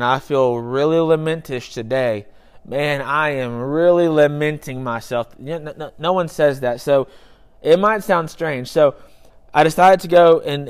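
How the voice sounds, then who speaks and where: A young man preaching a sermon in an earnest, conversational way, repeating phrases for emphasis. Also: a little high. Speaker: pastor.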